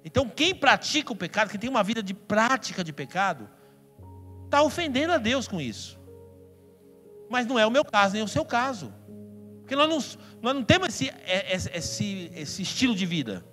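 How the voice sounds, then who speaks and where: A man with a Brazilian Portuguese accent preaching a sermon as a pastor, emphatic and playful, breaking into loud outbursts and mock voices. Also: high voice, sing-song, moderate pace. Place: church hall. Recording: long hall reverb with faint music.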